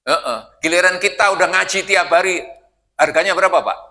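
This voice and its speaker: A man's voice: high voice, brisk, bright, forceful tone. An older man preaching an evening sermon in a mosque, joking and conversational, questioning his listeners and chanting verses of scripture. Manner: jokey and conversational, often asking the audience "Pak?". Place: mosque hall. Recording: long reverb of a mosque hall.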